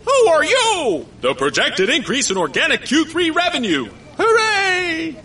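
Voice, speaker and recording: A man voicing a cheerful finger puppet that presents office figures, in a chirpy, excitable comedic ad voice. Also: very high-pitched, a little slow, a little hiss or hum, exaggerated voice. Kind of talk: comedic ad acting.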